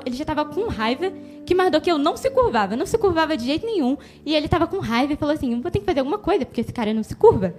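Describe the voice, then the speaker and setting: A woman gives a devotional, mixing a personal story with Bible teaching. She talks conversationally and speaks straight to the listener. Her voice is high, with soft music faintly behind her. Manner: conversational, addresses listener directly.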